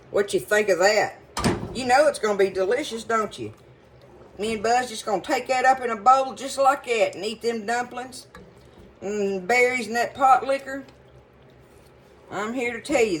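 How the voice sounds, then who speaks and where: A woman's voice: mid-range voice, fairly bright tone, slight background noise, low-quality recording. A woman hosting a casual cooking video in her home kitchen, chatting folksily and rambling into stories as she cooks. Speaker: cooking show host.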